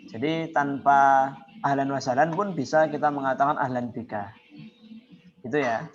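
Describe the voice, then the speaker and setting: A man teaching an Arabic class online, patiently repeating phrases slowly for his students. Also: mid-range voice. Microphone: video call. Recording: muffled video call with chattering students.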